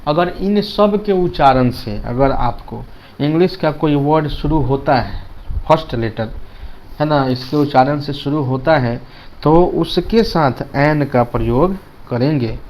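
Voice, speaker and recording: A man's voice: a little high, measured pace, a little mellow, rough recording. A man teaching a grammar lesson in Hindi with English terms, repeating key words and asking students rhetorical questions.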